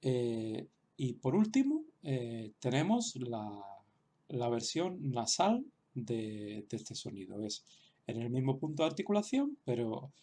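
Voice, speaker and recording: A man's voice: medium pitch, dark tone. A man giving an explanatory lesson as a teacher, talking hesitantly with many fillers and restarts. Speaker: Sanskrit teacher.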